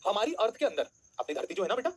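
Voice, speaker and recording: Guy teacher, fast and bouncy, slightly husky voice, keeps asking the class stuff then answers it. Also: high voice, very animated, darkish tone. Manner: asks students questions then answers them himself; calls students beta, jokingly threatens them. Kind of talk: online class lecture.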